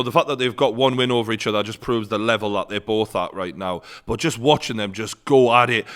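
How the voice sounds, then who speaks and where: A man's voice: mid-range voice, a bit bright. A man with a Newcastle Geordie accent gives a casual, blunt and opinionated fight recap to viewers, swearing freely. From northeast England. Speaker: sports commentator and online host.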